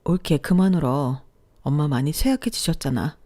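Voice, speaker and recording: A woman voicing a middle-aged sister-in-law who comforts kindly and scolds loudly. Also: deep voice, expressive, moderate pace. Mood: consoling. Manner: loud, scolding outbursts.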